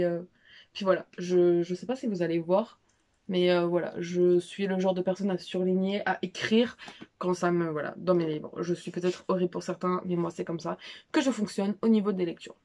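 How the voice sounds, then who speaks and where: A woman's voice: on the low side, darkish tone. A young woman chatting casually about her monthly reads in a vlog, informal and slangy, with many fillers, restarts and self-deprecating asides. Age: young adult. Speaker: book vlogger. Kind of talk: casual monthly reading recap.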